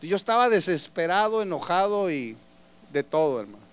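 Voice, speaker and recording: Male pastor, animated storyteller, high and resonant, preaching to the brethren. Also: brisk, smooth. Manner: animated storyteller addressing the congregation as brothers. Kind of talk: sermon.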